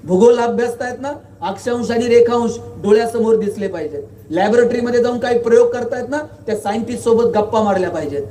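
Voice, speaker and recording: A man's voice: very high voice, fast talker, hardly any pauses, mellow. A man giving a motivational speech at a school function, telling humorous anecdotes and firing rhetorical questions at the audience. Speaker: guest speaker. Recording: echoey hall, voice from far off, faint noise.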